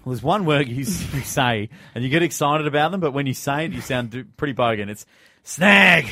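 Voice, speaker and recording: An Australian man co-hosting a radio show, chatting casually in a jokey, teasing, expressive way. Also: medium pitch, fast. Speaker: radio co-host. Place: radio studio.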